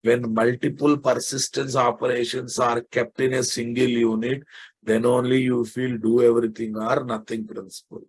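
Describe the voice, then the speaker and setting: A man with a Telugu Indian accent and a husky, gravelly voice, lecturing informally and bluntly, repeating phrases for emphasis. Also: mid-range voice, little pitch movement, moderate pace, low-quality recording. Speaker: software programming teacher. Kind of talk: informal live online lecture.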